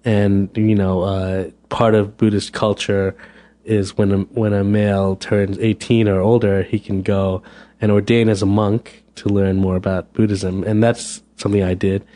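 A fairly low, dark voice with a level tone belongs to this American restaurant owner, who speaks a little slowly. He's a guest in a relaxed interview chat and frequently starts over or repeats words.

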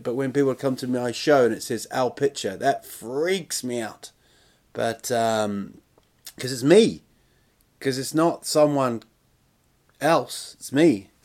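A man's voice: mid-range voice, darkish tone. A man in his forties hosting a solo podcast in a casual, meandering way, hesitant, self-deprecating and prone to swearing. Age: 40s. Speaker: podcast host and touring comedian.

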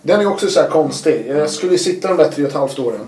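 A man, a guest telling his story in a casual interview, animated and acting out what people said. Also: on the high side, roomy sound, a little hiss or hum. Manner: animated, acts out quotes with sudden loud bursts.

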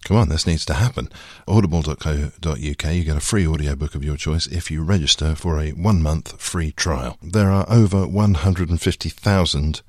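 Deep guy hosting a podcast, dry jokes, dead dry studio sound. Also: moderate pace, hardly any pauses, darkish tone, no room sound. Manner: dry, self-mocking, whispered asides. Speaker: podcast host. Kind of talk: podcast monologue.

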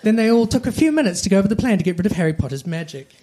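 This reader of comic fan fiction narrates it like a storybook with dramatic flair, racing along in a high, expressive, mellow voice. The recording carries faint background noise and clicks.

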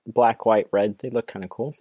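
Relaxed man, dry close sound. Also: lowish voice, moderate pace, dry recording, phone-quality sound. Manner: relaxed, conversational, trails off mid-thought. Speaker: podcast co-host. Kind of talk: casual chat.

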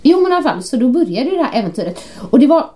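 A woman co-hosting a podcast, chatting casually and acting out quoted messages and calls as she tells a story. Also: high voice. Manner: animated storyteller, acts out quoted texts and calls. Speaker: podcast co-host. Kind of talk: casual chat.

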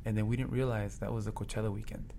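A man tells stories quickly and with animation, joking as he goes. His pitch sits in the middle range. A faint noise hums behind him. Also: little pitch movement, vocal fry, mellow. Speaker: band member guest. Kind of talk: casual storytelling in an interview.

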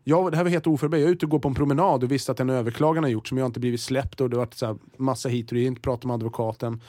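A man's voice: medium pitch, no room sound. A man in his forties chats through an interview, rattling off stories with plenty of swearing and restarts. His voice sits in a middling register. The recording is dry and close, with no room sound. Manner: lively storyteller, swears freely, frequent restarts. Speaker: TV host and interviewee. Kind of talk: casual interview chat.

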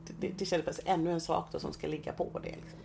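A woman in her thirties, a guest in an interview, talking in a hesitant, halting way with many restarts. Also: low-pitched, fairly even intonation, vocal fry, noisy background. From Sweden. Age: 30s. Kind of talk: personal interview.

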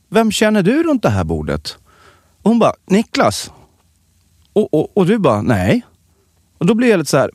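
A man's voice: fairly high pitch, dry recording, studio quality. A man co-hosting a podcast, chatting casually and telling stories with lots of restarts. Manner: animated storytelling, many restarts. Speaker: podcast co-host. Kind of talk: casual chat.

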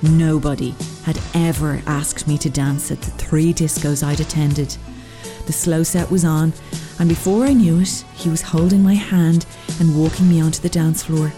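Mellow-voiced Irish woman reading her diary. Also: deep voice, normal speed, faint music behind. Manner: wry, animated storytelling. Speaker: podcast host.

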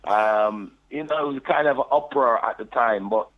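A UK man with a London Jamaican patois accent, a reggae deejay, tells his story casually as a podcast guest, often saying "you know." His voice is medium-pitched at a moderate pace, heard over a tinny phone line.

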